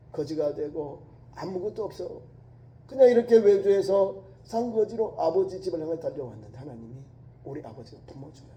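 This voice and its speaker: A male pastor preaching a sermon, telling a story with emphasis and dropping from loud to hushed. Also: high voice. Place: church sanctuary. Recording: echoey church hall.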